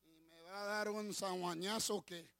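High, gravelly-voiced male preacher. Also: steady tone, a little slow. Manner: swings from quiet asides to shouted declarations; dramatic, slips into English phrases. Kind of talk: sermon.

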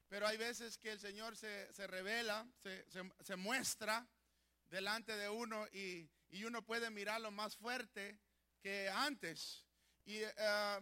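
A middle-aged man pastor preaching a fiery sermon that swells into shouted declarations. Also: high voice.

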